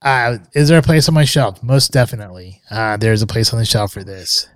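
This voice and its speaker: Relaxed man with a smooth voice. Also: lowish voice, brisk, no room sound, studio quality. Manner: relaxed, hesitant, many fillers and restarts. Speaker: podcast co-host reviewing scotch. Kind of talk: casual review chat.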